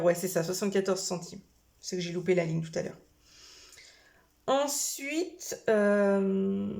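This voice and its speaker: Chatty and unhurried, a woman talks to her viewers about her purchases at a middle pitch. She pauses often, fills gaps and corrects herself as she goes, in relaxed casual speech. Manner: chatty, hesitant, many fillers and self-corrections. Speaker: vlogger showing a shopping haul. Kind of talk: casual chat to camera.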